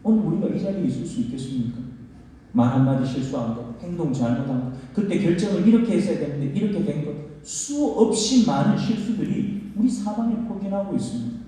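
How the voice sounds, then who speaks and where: Pastor guy preaching folksy, bit high voice, heard from far off in a big church. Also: lively intonation, a little fast, dark tone. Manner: folksy storytelling, asks the congregation questions. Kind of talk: sermon. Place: church sanctuary. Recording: echoey church hall from far off.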